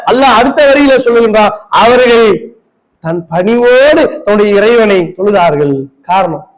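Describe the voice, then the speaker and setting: A man's voice: high voice, rough recording. A man with a Tamil Nadu accent preaching a Friday sermon in a mosque, impassioned and often questioning his listeners.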